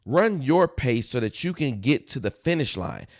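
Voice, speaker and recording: A man's voice: medium pitch, sing-song, normal speed. A middle-aged man giving an emphatic motivational talk, repeating key phrases for effect. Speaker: motivational speaker.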